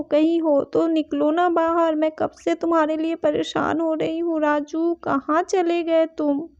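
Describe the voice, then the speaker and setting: A woman's voice: high-pitched, mellow, highs cut off. A woman voicing a worried young mother in a doll story, fretful and pleading. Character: worried young mother searching for her son.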